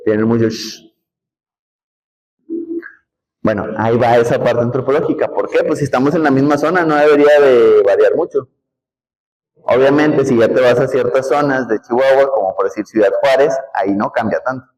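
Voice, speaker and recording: A man with a northern Mexican accent teaching a class in a classroom. He talks in a relaxed, conversational way, explains step by step and often checks in with the students. His voice sits at an ordinary middle pitch. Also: brisk, low-quality recording. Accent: northern Mexican, Nuevo León. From Nuevo León, Mexico. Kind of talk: classroom lecture.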